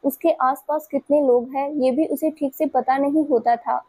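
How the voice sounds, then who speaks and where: A woman storyteller giving scripted audio-story narration in a steady, even manner. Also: high voice, normal speed.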